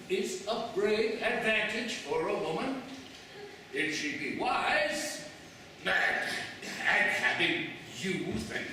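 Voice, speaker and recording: A man's voice: high-pitched, bright, forceful tone, heavily acted. An actor playing a pompous, scheming courtier father in classical verse drama, with a theatrical, declamatory delivery. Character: pompous scheming father, a fawning courtier pressing his daughter. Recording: echoey hall, distant mic, faint noise.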